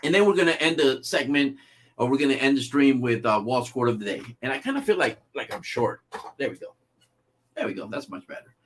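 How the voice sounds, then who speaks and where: A male livestream host chatting casually to his viewers. His voice sits at an ordinary middle pitch, and he rambles through thoughts with frequent fillers and self-corrections. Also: expressive, brisk, fairly bright tone, slight background noise. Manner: rambling, many fillers and restarts.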